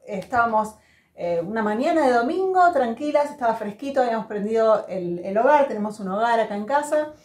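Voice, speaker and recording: A woman's voice: a little high, animated, a little fast, darkish tone. Chatty woman podcast host. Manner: chatty, earnest storyteller. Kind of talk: casual podcast chat. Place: room at home. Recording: echoey room at home.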